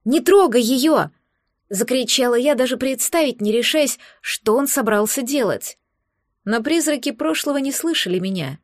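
A woman reading a first-person audiobook aloud, with expressive, emotional storytelling. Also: on the high side, moderate pace, no echo, clean studio sound. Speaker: audiobook narrator.

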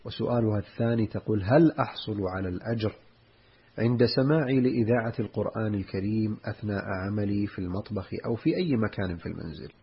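A man's voice: lowish voice, fast, gravelly, husky. A man hosting a radio program, reading listener questions and interjecting brief acknowledgements. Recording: muffled lo-fi radio recording.

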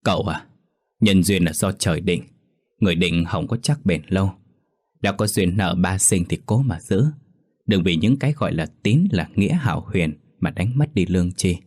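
A man's voice: deep voice, normal speed, darkish tone, slightly rough, dry recording, studio quality. A man voicing the resigned, sorrowful ghost of a dead mother in a ghost story. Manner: weary, resigned.

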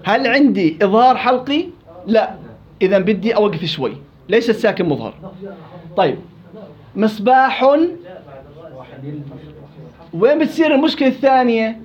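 A man teaching Quran recitation rules, quizzing his students and repeating words slowly. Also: sits high, very animated, highs cut off. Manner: quizzing students, drawn-out slow repetitions. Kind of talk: interactive tajweed class.

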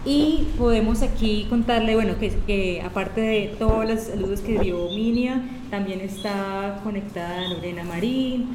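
Woman radio host, mid pitch, live show, faint noise behind. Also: a little slow, hardly any pauses, echoey room. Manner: warm greetings, reads listener messages.

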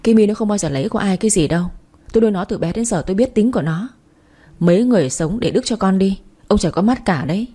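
A protective old grandmother, read by a woman in a spoken story, scolding those who wrong her grandchild. The voice is dark and husky. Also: mid-range voice, lively intonation, quick pace. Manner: scolding, fiercely defending.

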